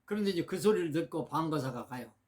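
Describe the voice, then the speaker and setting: A man's voice: a little high, expressive, fast, darkish tone. A man, a Buddhist monk, giving a dharma talk and retelling Zen anecdotes as he acts out the dialogue. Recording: noisy recording with clicks.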